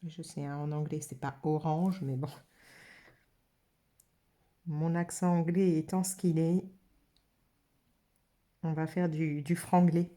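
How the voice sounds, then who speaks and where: A French woman talks through a watercolour demo in a relaxed, chatty way. She thinks aloud and uses a lot of fillers. Her voice sits low and sounds mellow and soft. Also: takes it slowly, long pauses. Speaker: watercolour channel host. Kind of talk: casual art demo narration.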